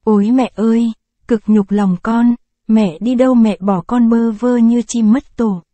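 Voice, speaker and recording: A woman voicing a grieving peasant widow in a storybook reading, lamenting in drawn-out cries. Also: on the high side, fairly even intonation, dark tone, no echo, close to an everyday voice. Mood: wailing.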